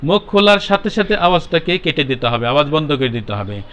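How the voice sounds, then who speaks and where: Bangladeshi guy teaching kids quran letters in a classroom, kinda high voice, sharp tone, repeats everything patiently. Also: very animated, fairly quick, clear, resonant tone. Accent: Bangladeshi Bengali. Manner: patient, repetitive, calls on pupils by name and corrects them. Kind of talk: drilling a class of children on letter pronunciation. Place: classroom with pupils.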